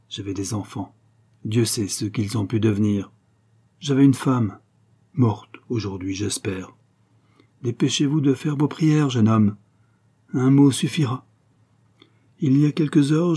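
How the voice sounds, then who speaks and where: A man's voice: medium pitch, dark tone, breathy edge. A man reading the part of an aging ex-prisoner bent on revenge, hard and grim in his words. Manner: hard, cursing, slow and grim. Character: bitter aging man fresh from prison, vengeful.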